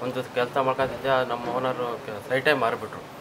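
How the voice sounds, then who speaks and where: A man living at an ashram, telling plainly and haltingly how he came to be there. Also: medium pitch, flat delivery, noisy background. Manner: plain, halting account of his hardships. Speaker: ashram resident.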